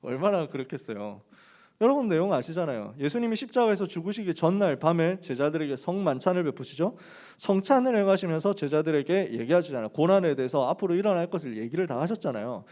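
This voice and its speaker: A man pastor preaching a casual youth sermon, telling the story in an animated way and acting out the quotes. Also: fairly high pitch, fast.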